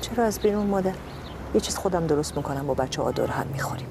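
An actress playing a caring middle-aged mother in a screen drama, gentle and motherly. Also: low-pitched, animated, creaky, background noise. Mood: tender. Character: caring mother of a grown son. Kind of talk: naturalistic screen drama acting.

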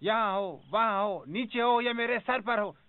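A man's voice: high voice, unhurried, clean tone, dry recording. A man playing a tired, short-tempered grown son arguing with his mother in a dubbed TV drama. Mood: bitter. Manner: tired, then explosive. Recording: tinny phone-like sound.

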